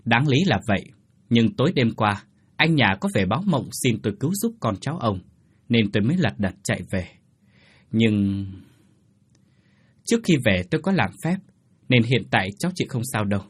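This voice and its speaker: Man doing a grave exorcist, husky and measured. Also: mid-range voice, very animated. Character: solemn middle-aged male village exorcist.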